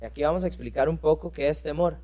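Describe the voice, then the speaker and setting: Speaking quickly in a mellow, slightly high voice, a male preacher reads scripture aloud during a church lesson. He explains the text with rhetorical questions, and fillers and self-corrections come up frequently.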